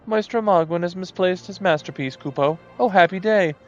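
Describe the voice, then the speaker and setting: A fussy creature with the airs of a dowager duchess, voiced by a man, pitched high. This game villager is snooty and gossipy, arch in every phrase, over faint music. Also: normal speed, dull audio, close to an everyday voice. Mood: eager, arch.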